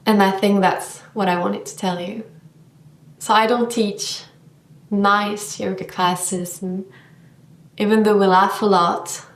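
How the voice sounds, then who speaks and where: A woman's voice: medium pitch, steady tone, slow pace, reverberant, distant mic. A woman yoga teacher talking in a reflective vlog monologue, thoughtful and searching for her words.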